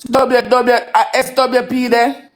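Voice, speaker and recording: A Jamaican woman in her thirties hosts a live stream in a notably high voice. She coaxes her viewers with the same call-outs over and over, slipping into patois. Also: level tone, takes it slowly. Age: 30s. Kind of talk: casual live-stream chat.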